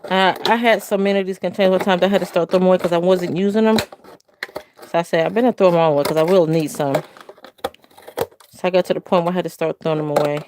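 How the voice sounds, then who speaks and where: A woman's voice: fairly low pitch, fairly even intonation, fast, background noise. An older woman hosting a casual crafting livestream from home, chatting in a rambling, self-correcting way. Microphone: phone camera.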